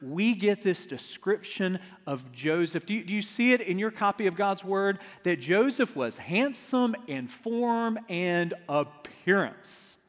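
A man preaching a Bible teaching sermon at a pulpit microphone, emphatic, with dramatic pauses, repeated phrases and rhetorical questions. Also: sits high, animated. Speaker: pastor preaching to a congregation. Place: large, reverberant church hall. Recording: echoey large hall through pulpit microphone.

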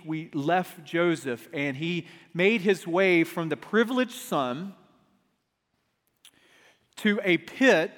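Male pastor, high voice, preaching at a pulpit microphone, long hall reverb, stumbling restarts on questions. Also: a bit bright. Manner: rhetorical questions with repeated restarts. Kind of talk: sermon. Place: church sanctuary.

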